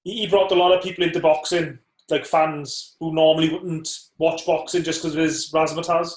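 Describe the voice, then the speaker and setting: Man, slightly high, echoey room. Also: steady tone, fairly quick. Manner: thoughtful, recalls memories. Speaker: co-host, former boxer. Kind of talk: casual chat. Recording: roomy echo.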